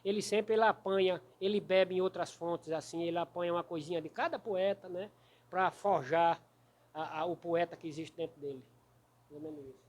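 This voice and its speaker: Man with a Potiguar accent, cordel poet. Folksy, lively storyteller with a high-set voice. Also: brisk. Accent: Rio Grande do Norte Brazilian Portuguese. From Santo Antônio do Salto da Onça, Rio Grande do Norte, Brazil. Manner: folksy, animated storyteller who taps out verse rhythm. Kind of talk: storytelling interview.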